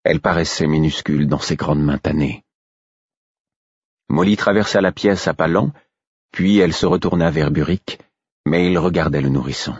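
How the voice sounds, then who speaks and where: A man narrating a story in the first person, reading in a calm and measured way. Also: very deep voice, slightly rough, dry recording, muffled recording. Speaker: audiobook narrator.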